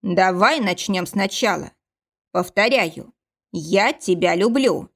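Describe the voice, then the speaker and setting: A woman voicing a calm, teasing ancient man who speaks slowly and softly. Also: medium pitch, creaky, heavily acted. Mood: tender, teasing.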